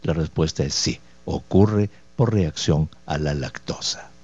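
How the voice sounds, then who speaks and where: A man with a rumbling low voice and a measured pace answers listeners' questions as the doctor hosting a radio health call-in show. He explains patiently, leaning on rhetorical questions and folksy diminutives, and the recording has a dull, dry, lo-fi studio sound.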